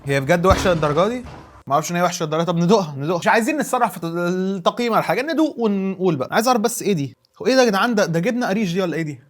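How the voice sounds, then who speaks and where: This is a man with an Egyptian Arabic accent hosting a casual food review vlog. His voice sits high and his words tumble out at a breakneck pace. He exclaims and thinks aloud as he tastes. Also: expressive, very fast. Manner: chatty, exclaiming, thinking aloud while tasting.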